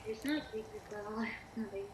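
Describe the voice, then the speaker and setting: A woman's voice: medium pitch, moderate pace, noisy background, lightly acted. A woman playing Sonic as a young hero in training, giggling and teasing in live cosplay role-play over a call. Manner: giggly, playful. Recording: echoey live video call.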